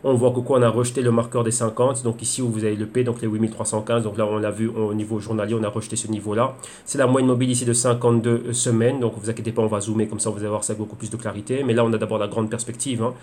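A man's voice: fairly low pitch, flat delivery, rapid-fire, hardly any pauses, darkish tone, slight background noise. A man walking viewers through trading charts, explaining levels and patterns and asking himself rhetorical questions. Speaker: crypto trading analyst. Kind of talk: screen-share chart analysis.

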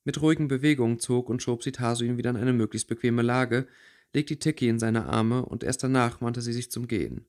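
A man narrating a fantasy fanfiction audiobook in an even, measured storytelling manner. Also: mid-range voice. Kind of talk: reading a fanfiction novel aloud.

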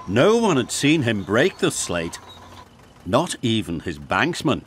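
Slow, lively male storybook narrator. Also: mid-range voice, slight background noise. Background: music.

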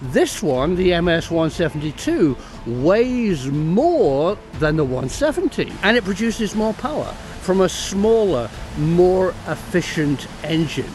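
A man's voice: high-pitched, big pitch swings, slow, a little mellow, slight background noise. An older man outdoors in a garden, talking close to a handheld camera as he explains the engineering of a chainsaw with enthusiasm and little bursts of laughter. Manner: enthusiastic, breaks into short laughs mid-sentence. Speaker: science filmmaker and farmer reviewing a chainsaw. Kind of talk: casual explanatory video review. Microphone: handheld camera held close, wide-angle selfie framing.

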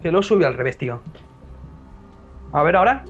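A young man chatting rapidly with a friend during a co-op game and fussing about audio levels. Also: on the high side, very animated, dull audio, soft background music. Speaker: gameplay co-host. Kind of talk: casual co-op gameplay chat.

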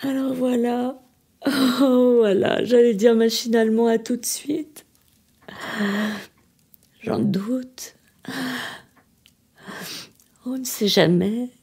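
Woman reading as a forsaken lover on the telephone, trembling whispers, warm breathy voice, dramatic stage monologue. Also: on the high side, takes it slowly, long pauses, exaggerated voice. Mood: tender, heartbroken. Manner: often drops to a hushed whisper, trembling and pleading. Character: desperate woman pleading on the phone with her departing lover.

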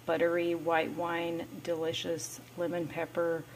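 A woman's voice: fairly low pitch, completely flat delivery, a little slow, slight background noise, rough recording. A woman narrating a home cooking vlog in a friendly, explanatory way, recorded in her kitchen with a handheld camera. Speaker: cooking vlogger.

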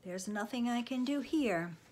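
A woman reading aloud voices a young farm boy, a plain-spoken friend, lifting her pitch for him. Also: lively intonation, unhurried, a little mellow, slight background noise.

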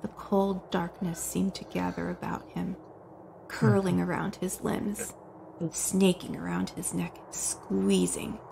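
A woman reads a dramatic horror tale from a script, her voice edged with gravelly fry. She often sinks into hushed whispers, with faint noise beneath her. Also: fairly low pitch, level tone, slow pace. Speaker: narrator.

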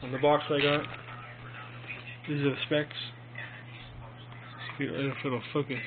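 A young man giving a casual, rambling product review in a phone video, halting and informal, recorded on a handheld phone in a room at home. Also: medium pitch, flat delivery. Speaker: amateur headphone reviewer. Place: small domestic room, indoors. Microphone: handheld phone mic. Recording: tinny phone recording with clear noise.

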